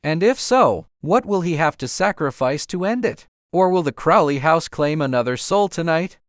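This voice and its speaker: Male horror narrator, fairly high-pitched, very dry close sound, dramatic and suspenseful dark storytelling. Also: animated, normal speed, no echo. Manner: suspenseful, theatrical delivery.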